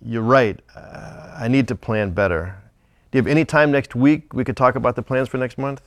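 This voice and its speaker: A man's voice: medium pitch, moderate pace, lightly acted. An actor playing a male coworker in a workplace role-play scene, with a plain everyday delivery. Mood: apologetic. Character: male coworker asking a favor. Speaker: actor in a training video.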